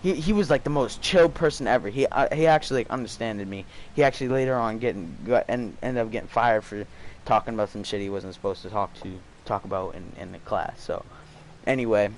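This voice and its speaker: A man's voice: lowish voice, fairly quick, slight background noise. A young man telling a rambling, profane story about his school day in a casual storytime vlog, full of slang and fillers. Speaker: student storyteller.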